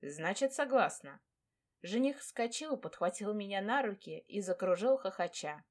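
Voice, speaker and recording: Woman narrator, first-person romance audiobook, warm, expressive. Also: medium pitch, moderate pace.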